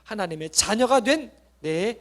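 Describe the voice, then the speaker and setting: A man's voice: sits high, animated, a little slow, a bit bright. A man voicing a firm, loving male savior who solemnly declares his child.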